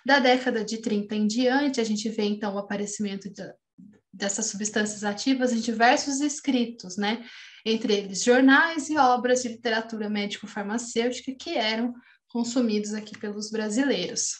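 A Brazilian woman in her thirties, a postdoctoral researcher, lectures over a video call from a room at home, captured by her webcam microphone. Her voice is higher and her pace normal, and she speaks hesitantly with a Brazilian Portuguese accent, restarting often and using many fillers.

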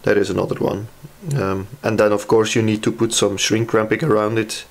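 A hobby radio restorer walks through a repair casually, hesitating and thinking aloud as he explains each step. His voice is fairly low and level, with some vocal fry, at a moderate pace.

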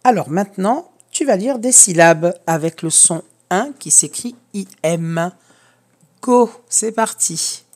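Slow, clear-speaking woman teacher. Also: fairly low pitch, expressive, a little mellow. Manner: slow, clear, encouraging instructions addressed to a child. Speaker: primary school teacher. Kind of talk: reading lesson for young children.

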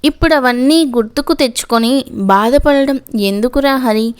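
Woman narrator voicing a steady consoling man in an audio story, firm, clear. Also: high-pitched, normal speed, lightly acted. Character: steady caring male friend, consoling elder.

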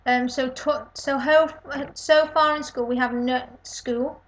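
A tired woman in her twenties from North West England, with a Lancashire-type northern accent, rambles self-deprecatingly in a casual webcam video response recorded in her home kitchen. Her voice sits high with fairly even intonation and a slow pace, and the built-in webcam mic gives poor audio.

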